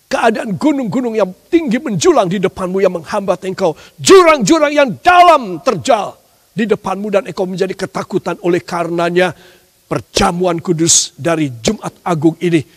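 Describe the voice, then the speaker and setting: High, lively-voiced man preaching in a reverberant hall. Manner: dramatic, swings between loud high emphasis and low hushed asides. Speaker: pastor. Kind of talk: sermon.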